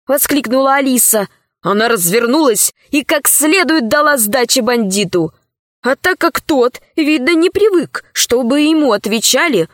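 A woman narrating a children's adventure book in a calm, unhurried, clear reading voice. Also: sits high, dry recording, clean studio sound. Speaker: storyteller.

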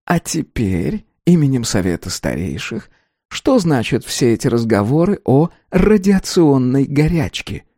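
A man reading aloud and voicing a small, thin, sly official with an insinuating, slow, mocking voice. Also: medium pitch, very animated, dark tone, no echo, studio quality, pitched above the performer's own voice.

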